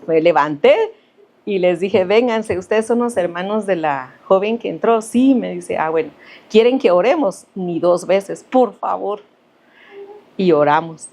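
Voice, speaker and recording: A middle-aged woman from Central America giving a sermon that mixes a personal hospital story with scripture, telling it with animated, rising emphasis. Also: fairly low pitch. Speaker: preacher.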